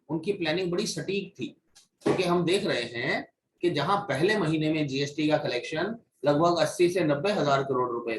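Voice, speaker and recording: A man's voice: fairly high pitch, a bit bright, slight background noise. Man lecturing in an echoey room. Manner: explains step by step, checks in with "ठीक है". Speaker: GST course instructor. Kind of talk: classroom lecture. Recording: echoey room, mic at a distance.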